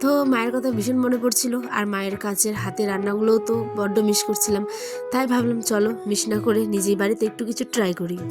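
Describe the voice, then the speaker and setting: Fast-talking Bengali village woman vlogger. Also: mid-range voice, fairly even intonation, over music. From West Bengal, India. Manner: talks straight to viewers with frequent tag questions. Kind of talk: chatty vlog narration. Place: outdoors in village fields.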